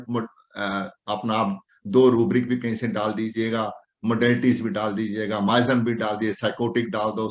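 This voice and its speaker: A man teaching homeopathy in a classroom lecture, talking straight to his students in an animated way. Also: lowish voice. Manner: animated, addresses students directly. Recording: echoey room.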